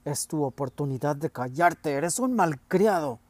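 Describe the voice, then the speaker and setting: A man voicing a stern, injured middle-aged father who speaks curtly and shouts in anger. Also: fairly high pitch, lively intonation, a little slow, no room sound. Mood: angry shouting. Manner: shouting, curt and angry.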